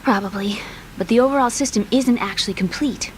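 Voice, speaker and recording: An actress voices an earnest, brainy young computer scientist in a video game cutscene, lecturing precisely and a little haughtily and firing off pointed questions. Her medium-pitched voice moves a little fast and sounds lightly acted, with a faint hiss or hum underneath. The mood is grave and explanatory.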